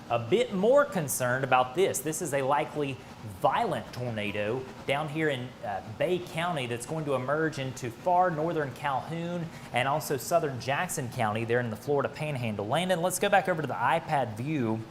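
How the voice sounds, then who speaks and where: A man's voice: medium pitch, slight background noise. An American man giving live, ad-libbed severe weather coverage, speaking urgently and emphatically with direct appeals to listeners. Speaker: weather broadcaster.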